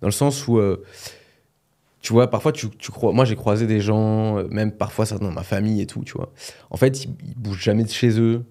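A man's voice: on the low side, a little fast, warm tone. A man co-hosting a podcast, chatting casually and telling anecdotes, often checking in with the listener. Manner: chatty storyteller, frequent "tu vois". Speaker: podcast co-host.

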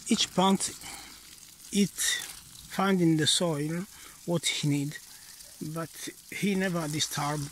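Middle-aged male non-native English speaker, casual garden vlog on a handheld phone, slow unhurried delivery, light background noise. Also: a little high. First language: not English. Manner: halting, searching for English words. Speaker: gardener vlogger. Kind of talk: casual walk-through vlog. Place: outdoor vegetable garden. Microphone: handheld phone camera.

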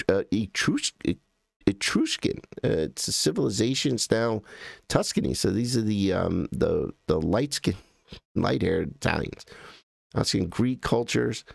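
The livestream host is an American man whose low voice has a creaky quality, captured in studio quality with no echo. His casual commentary rambles as he clicks through images, thinking aloud and correcting himself.

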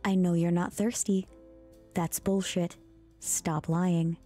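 Her voice sits on the low side with little pitch movement as this streamer reads a bedtime storybook, soft and unhurried in an ASMR style with a mellow tone. Now and then she whispers or makes a mock-exasperated aside, and faint music plays in the background.

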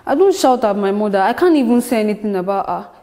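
A woman's voice: medium pitch, lively intonation, fast talker, natural voice. A woman playing a prim churchgoing actress. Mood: hesitant. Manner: hesitant, polite, then defiant. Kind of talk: comic short-film acting. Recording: echoey room with hiss.

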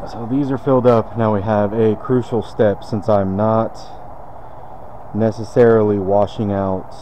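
A relaxed man with a drawl talks through a detailing job in an easygoing, unhurried way. His voice sits a bit low, and steady shop noise runs clearly behind him. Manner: laid-back, talks while working. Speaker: car detailer. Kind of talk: casual how-to demonstration.

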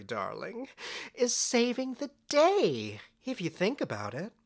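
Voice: medium pitch, fairly bright tone, heavily acted. An actor playing Puck's part as a scheming, flamboyant fairy, charming and smug, in a conversational audio drama. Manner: theatrical, sly, emphatic.

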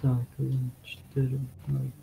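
A man's voice: medium pitch, completely flat delivery, measured pace, creaky, background noise. A man chatting casually in short remarks as he plays a horror game with a friend. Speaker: gamer. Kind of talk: casual chat while playing a horror game.

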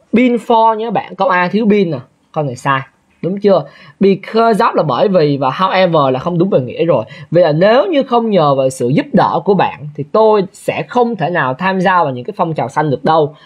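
Male teacher, chatty, lively pitch, husky. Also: lo-fi sound. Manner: chatty, keeps asking listeners to confirm. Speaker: English teacher. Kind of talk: exam review lesson.

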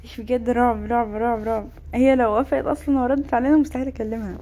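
Young woman, rapid-fire, a bit high, mellow tone, excitable game voice-over. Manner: excitable, exclaiming often. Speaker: gaming YouTuber. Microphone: home microphone voice-over.

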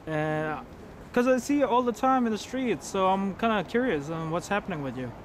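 A man's voice: high-pitched, animated, moderate pace. A young man asking casual, filler-heavy questions in a street interview on a city sidewalk. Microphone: camera mic, behind the camera. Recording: loud street noise outdoors. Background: street traffic.

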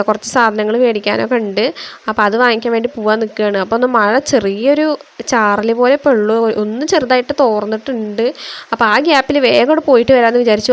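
A young woman from Kerala talks quickly through a home vlog voice-over. Her voice sits a little high, and her delivery is chatty and homely. She recorded it at home. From India (Kerala). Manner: chatty, homely, reassuring tag endings. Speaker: family vlogger.

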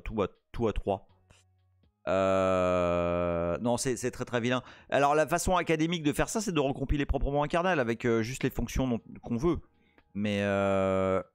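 A French man hosting a casual live-coding stream, playful and excitable, chatting to viewers as he works. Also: mid-range voice, moderate pace, smooth, no room sound, clean studio sound. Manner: playful, excitable, reads chat aloud.

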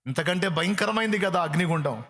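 A man's voice: high voice, lively intonation, fairly quick, fairly bright tone. A male pastor preaching a fervent sermon in speech, repeating phrases and building to rising calls.

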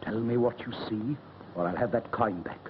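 An actor playing a hearty, domineering village squire in theatrical old melodrama style. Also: male voice, fairly low pitch, normal speed, close to an everyday voice. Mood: angry, scornful. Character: jovial, domineering village squire, hot-tempered gentleman villain. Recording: muffled, noisy old film soundtrack.

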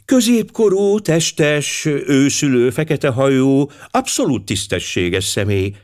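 A man voicing a fussy, talkative middle-aged housewife in an audiobook, raising his voice high for her. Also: sing-song, darkish tone, natural voice. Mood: indignant chatter. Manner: indignant, talkative.

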